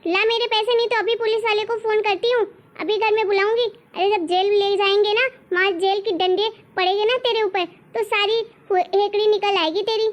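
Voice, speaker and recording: A woman's voice: fairly even intonation, normal speed, hardly any pauses. A woman voicing a harsh, insulting mother-in-law in a cartoon story. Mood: scolding. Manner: shrill and insulting. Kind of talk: cartoon voice acting.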